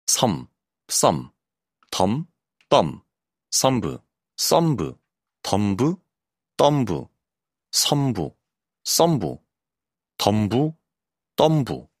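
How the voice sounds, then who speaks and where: Lively, low-voiced man reading an audiobook. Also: no room sound, clean studio sound. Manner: calm, clear narration with lively, expressive intonation. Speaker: audiobook narrator.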